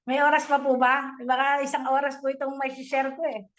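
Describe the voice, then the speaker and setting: A woman's voice: sits high, flat delivery, moderate pace, fairly bright tone. A middle-aged woman sharing her church testimony in a chatty way, laughing often and mixing in English.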